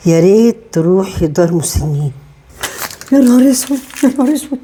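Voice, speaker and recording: An actress playing an older Egyptian mother who lament in shock and repeats herself, with a husky voice. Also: medium pitch, big pitch swings, fairly quick, mellow, a little hiss or hum, close to an everyday voice. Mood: distraught. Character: distraught older mother, betrayed and homeless. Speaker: mother evicted by her son. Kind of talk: web drama acting.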